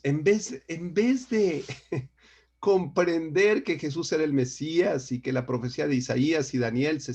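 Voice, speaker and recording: In his online Bible lecture by video call, the pastor stays emphatic and keeps checking in with his audience, often tossing in a rhetorical "¿sí?". He speaks at a medium pitch in a slightly mellow voice with a breathy edge.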